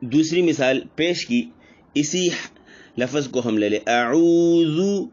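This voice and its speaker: A man teaching Quran recitation rules in a slow lesson, patiently repeating each example with drawn-out pronunciation. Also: medium pitch, lively intonation, darkish tone, muffled recording.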